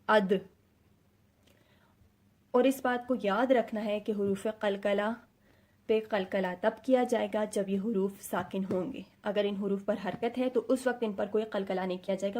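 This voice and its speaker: A woman with a Pakistani Urdu accent and a fairly high, darkish voice teaches students a recitation lesson. She patiently explains each point, sounds out short syllables as demonstrations, and occasionally slips English words into her speech.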